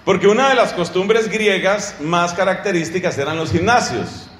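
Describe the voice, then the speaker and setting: Animated high-voiced man preaching, echoey room. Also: moderate pace, a little hiss or hum. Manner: animated, rhetorical questions to the audience. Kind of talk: sermon teaching.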